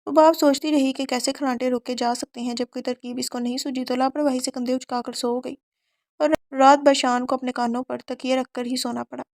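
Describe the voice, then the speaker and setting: A woman reads a romance novel aloud in a high voice. Her delivery stays flat and steady. The recording is dry and close. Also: no echo. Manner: steady storytelling. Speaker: audiobook narrator. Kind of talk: novel narration.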